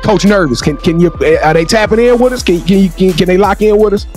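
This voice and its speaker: A male podcast host with a sing-song, energetic hype delivery. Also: high voice, quick pace, soft background music. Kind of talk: hyped-up show host.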